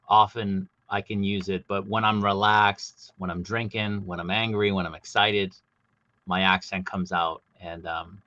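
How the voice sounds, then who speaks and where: Jokey, chatty anecdotes in quick bursts come from a middle-aged toy collector, a guest from Boston, USA, whose Boston accent is clear in this casual storytelling chat. His voice is on the low side with a sharp tone, recorded with no echo and the highs cut off.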